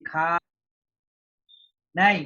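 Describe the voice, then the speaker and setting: A man's voice: very slow, pushed and bright, muffled recording. A man teaching an online class, his voice breaking up and cutting out over a choppy video call. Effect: choppy, breaking-up video call audio.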